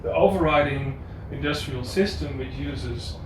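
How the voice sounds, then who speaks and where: A man's voice: mid-range voice, a little slow. A man with a Dutch accent giving a live presentation, hesitant, with many fillers and restarts. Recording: echoey room, distant mic, noise.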